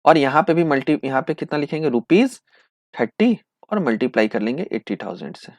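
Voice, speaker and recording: A man teaching accountancy in with terms, asking questions and answering them himself, slowing right down to dictate entries. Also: a little high, dry recording. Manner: lively, asks and answers his own questions, slows to dictate entries. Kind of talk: classroom lecture acting out students' replies.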